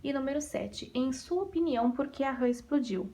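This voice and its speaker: A woman's voice: sits high, expressive, moderate pace, warm tone. A woman with a Brazilian Portuguese accent, a primary school teacher going over exercises in a recorded remote lesson, patiently asking and answering her own questions.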